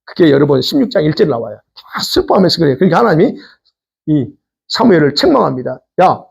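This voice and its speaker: A man's voice: fairly high pitch, very animated, fast, vocal fry, a little mellow, husky. A man pastor preaching a sermon in a conversational way, posing questions to the congregation. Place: church sanctuary.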